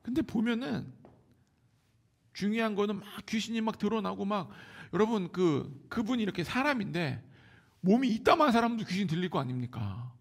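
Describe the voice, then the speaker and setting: A man preaching a Sunday sermon with a Seoul Korean accent. His voice sits a little high and has a gravelly, husky edge. He swings from hushed, whispered lines to loud exclamations. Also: lively intonation, normal speed. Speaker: pastor.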